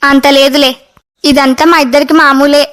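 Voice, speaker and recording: A woman's voice: sits high, level tone, normal speed, a bit bright. A woman voicing a domineering, self-assured mother-in-law in a cartoon. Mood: bossy. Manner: confident, domineering. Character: bossy middle-aged mother-in-law, sure of herself.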